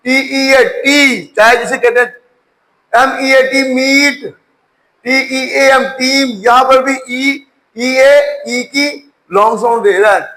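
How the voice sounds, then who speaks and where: A man's voice: very high voice, fairly even intonation, slow, pushed and bright, rough recording. A male English teacher giving a lecture, patiently spelling each word letter by letter before saying it.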